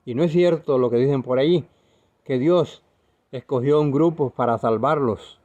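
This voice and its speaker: A man's voice: medium pitch, moderate pace, dark tone, dull audio. A man preaching a video sermon in an earnest, emphatic way, now and then correcting himself.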